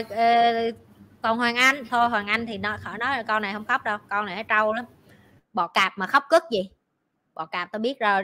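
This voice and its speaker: Bright, blunt woman host. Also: fairly high pitch. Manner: blunt, teasing, talks fast in bursts. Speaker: livestream host. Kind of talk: casual livestream chat with team.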